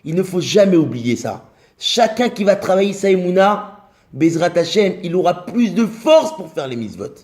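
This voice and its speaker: A man's voice: very animated, normal speed, darkish tone. A man giving a short religious lesson, telling a story and voicing its dialogue, with Hebrew terms in his speech. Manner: storytelling, acts out dialogue with rising pitch. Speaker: Torah teacher.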